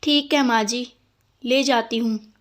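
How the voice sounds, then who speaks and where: A woman voicing a dutiful young daughter-in-law who answers calmly and politely. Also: on the high side, takes it slowly. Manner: calm, polite replies.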